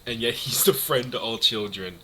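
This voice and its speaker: A young man chatting casually as co-host, opinionated and animated, often restarting his sentences. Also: mid-range voice, moderate pace, noisy background. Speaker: co-host ranking movie villains. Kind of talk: casual chat.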